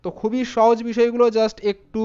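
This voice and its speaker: High, smooth-voiced man teaching pronunciation. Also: monotone, fairly quick, mellow, lo-fi sound. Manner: patient, spells words out letter by letter. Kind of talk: spoken lesson.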